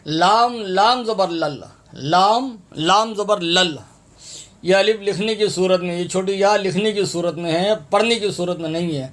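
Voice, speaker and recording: High-voiced man teaching patient recitation drills. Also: fairly bright tone. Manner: patient, repeats each sound several times, earnest pleading. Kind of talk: tajweed lesson, spelling out and drawing out verses.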